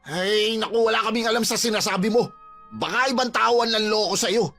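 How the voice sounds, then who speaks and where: An actor playing a callous, scheming brother-in-law who talks in a mocking, dismissive way. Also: male voice, high-pitched, a little fast, pushed and bright, faint music behind, heavily acted.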